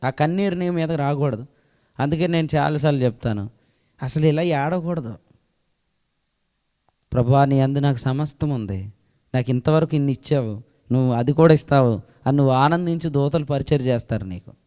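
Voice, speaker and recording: A male pastor preaching a sermon who keeps asking the congregation questions and swings between loud declarations and soft asides. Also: medium pitch, normal speed, pauses often. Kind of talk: Telugu sermon. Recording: long echo of a hall.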